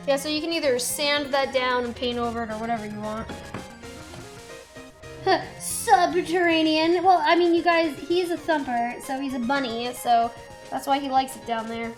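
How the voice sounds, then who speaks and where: High-voiced bubbly woman hosting. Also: unhurried, pauses often, soft background music. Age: 30s. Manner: bubbly and chatty, laughs often. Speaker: stream host. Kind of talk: casual chat while painting miniatures. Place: studio set with a table.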